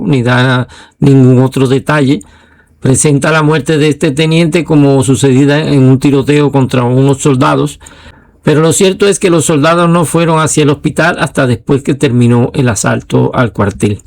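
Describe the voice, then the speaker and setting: Man, documentary narrator, measured, steady, gravelly, mid-pitched.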